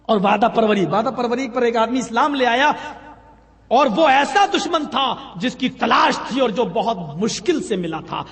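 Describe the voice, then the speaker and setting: A man's voice: very high-pitched, animated, fairly bright tone. A man preaching a sermon, telling stories and addressing listeners as brothers. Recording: long hall reverb.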